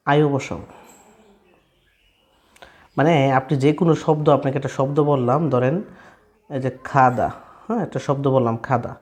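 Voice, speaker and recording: A man teaching a casual spoken lesson, repeating and rephrasing each step and often asking his listeners whether it is clear. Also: fairly high pitch, a little mellow. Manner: checks in often with "clear, brother?". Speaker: language teacher.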